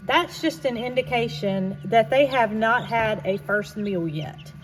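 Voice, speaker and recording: In a casual, folksy farm vlog, a woman speaks directly to her viewers from inside an echoing barn. Her voice is on the higher side and unhurried. Birds and other background noise come through clearly.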